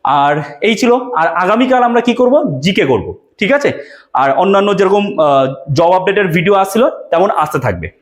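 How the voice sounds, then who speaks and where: High-voiced grammar teacher. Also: male voice, animated, moderate pace. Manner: repeats questions to students, checks understanding often. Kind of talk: online exam-prep grammar lesson.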